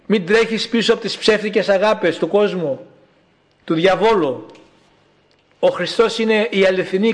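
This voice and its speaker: A man preaching a sermon in a slow, emphatic way, repeating his calls. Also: sits high.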